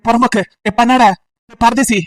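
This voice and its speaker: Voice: medium pitch, flat delivery, moderate pace, recorded from a distance, natural voice. A voice actor doing a cursing, fed-up young guy. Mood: exasperated. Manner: shouting insults, exasperated. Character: angry young male student, blunt and cursing. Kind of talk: comic voice acting.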